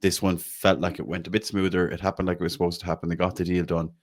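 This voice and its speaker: A man's voice: sits low, level tone, fast. An Irish man hosting a fan podcast, chatting casually about football with lots of "like" and the odd swear. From Ireland. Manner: chatty, says "like" a lot. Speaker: podcast host.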